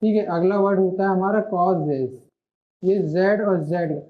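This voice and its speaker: A man's voice: high-pitched, measured pace. A male shorthand teacher giving an online classroom lesson, explaining patiently and stopping often to ask and answer his own questions. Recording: muffled lo-fi recording.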